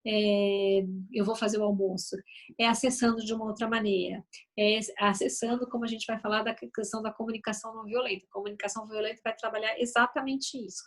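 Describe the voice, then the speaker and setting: A woman with a Brazilian accent, a mother of three, giving a conversational talk at an event about family communication. She acts out sample phrases and often checks in with "né?". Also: fairly high pitch. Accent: Brazilian Portuguese. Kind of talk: live talk to an audience. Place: event venue.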